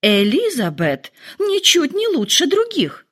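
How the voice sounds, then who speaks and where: A woman voicing an excitable, fretful middle-aged mother who speaks in high, gushing exclamations. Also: a little slow. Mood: excited.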